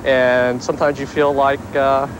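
A man gives casual, unscripted answers in a street interview. His voice is average in pitch, with clear outdoor noise behind it. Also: level tone, unhurried.

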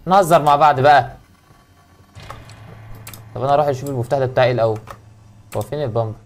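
A man's voice: mid-range voice, fast talker. A young man with an Egyptian accent commentating a horror game, joking and muttering prayers when startled. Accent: Egyptian Arabic. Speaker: gaming YouTuber.

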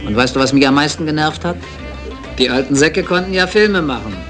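Actor as an eager admirer over loud music. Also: male voice, on the high side, lively intonation, brisk, close to an everyday voice. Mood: chatty, eager. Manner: familiar, enthusiastic. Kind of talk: naturalistic film acting.

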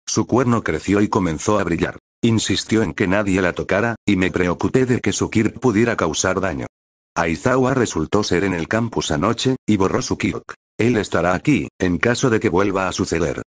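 Gentle male principal in a story reading, calm explaining, low voice, read by a man. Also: moderate pace, no room sound, studio quality. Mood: reassuring.

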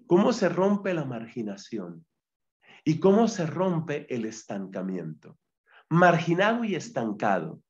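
A man teaching a Bible exegesis lesson as a friar, deliberate and repetitive, reading Greek terms aloud. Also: fairly high pitch, dull audio. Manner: deliberate, repeats key phrases, reads Greek terms aloud.

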